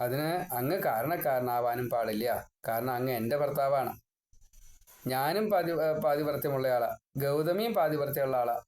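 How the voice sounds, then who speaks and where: A scripture teacher with a mid-range, darkish voice gives a devotional discourse. He recites verse lines slowly, then explains each word, often repeating it.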